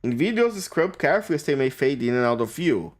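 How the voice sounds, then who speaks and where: A man streams a game and reads its text aloud, often tripping over a word and starting again. His pitch swings widely as he reads, sitting in a middle register. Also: big pitch swings. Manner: reads haltingly, stumbles and restarts on words.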